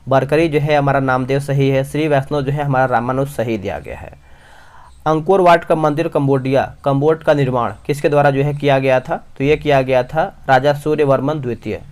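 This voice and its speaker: Young male tutor, slightly high voice, rushes through exam questions with many restarts. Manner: rapid, frequent restarts, addresses viewers as friends. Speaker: quiz teacher. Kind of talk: fast exam-prep quiz reading.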